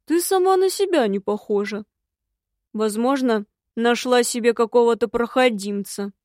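A woman reading an audiobook voices a scornful, irritable man who talks slowly and with irritation. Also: a little high, darkish tone, no echo, studio quality, natural voice. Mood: irritated.

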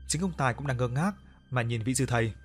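A man narrating a horror audiobook in a steady, even reading. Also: medium pitch, fast talker, breathy edge, faint music behind.

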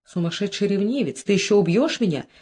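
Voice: medium pitch, expressive, fairly quick, a little mellow, slight background noise, close to an everyday voice. A reader voicing a proud, cunning young priestess who speaks haughtily in an audiobook. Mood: haughty. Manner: haughty, calculating. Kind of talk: audiobook character voice.

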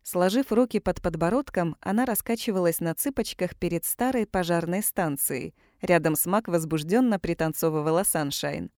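A woman reads an audiobook romance in a calm, measured way. Her voice sits low. The recording is dry and close. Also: no room sound. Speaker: audiobook narrator. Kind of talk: scripted narration.

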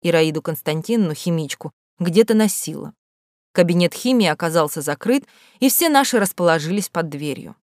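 A woman reading a first-person novel aloud with expressive, measured storytelling. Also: lowish voice, no echo, clean studio sound. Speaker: audiobook narrator. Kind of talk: first-person audiobook narration.

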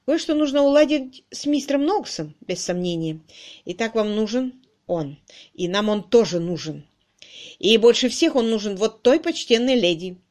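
A woman voicing a calm, ironic aristocratic gentleman. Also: on the high side, normal speed, natural voice. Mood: wry.

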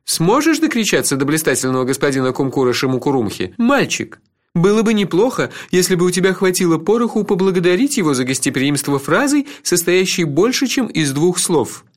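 A man's voice: on the high side, very animated, brisk, voice pushed up. A man voicing a worldly older male companion who gives advice in a knowing, teasing way.

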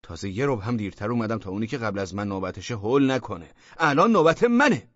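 A man voicing a brash, cheating man who loudly and indignantly defends himself, in a storybook reading. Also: big pitch swings, dry recording, dull audio. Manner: loud, indignant, high-strung.

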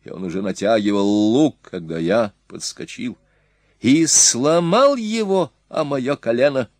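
A man's voice: mid-range voice, expressive, unhurried, a little mellow, no echo, close to an everyday voice. A man doing an earnest, shaken young prince. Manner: earnest, trembling.

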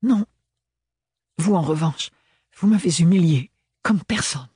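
A man's voice: sits high, moderate pace, husky, dry recording, studio quality, voice pushed up. A man doing an indignant young woman. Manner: sharp, indignant. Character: exasperated young woman in glasses.

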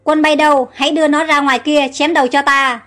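A woman's voice: high voice, steady tone, fast talker, a bit bright, faint music behind. A woman voicing an angry old king who barks stern orders. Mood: furious. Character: angry old male king, harsh and commanding.

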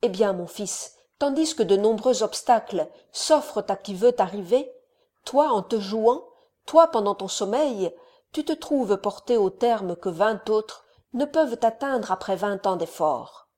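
A woman voicing a scheming older male count who speaks to his son in a measured, solemn, persuasive way. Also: mid-range voice, expressive, a little mellow.

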